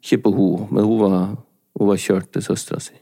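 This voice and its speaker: A man from Norway with a low, gravelly voice talks through a personal story in relaxed podcast chat. He stumbles and restarts often, circling back as he goes. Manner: halting and rambling, many restarts and fillers. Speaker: podcast co-host. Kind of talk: casual confessional chat.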